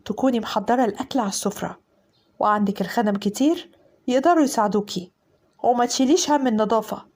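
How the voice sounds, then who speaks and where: A woman's voice: on the high side, darkish tone, voice pushed down, close to an everyday voice. A woman voicing a stern commanding husband. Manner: slow, firm, laying down orders. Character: stern domineering Upper Egyptian husband, cold and commanding.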